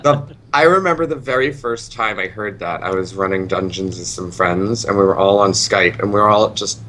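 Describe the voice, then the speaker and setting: A man hosting a podcast in casual chat, laid-back and quick to laugh. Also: lowish voice, pushed and bright. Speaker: podcast host.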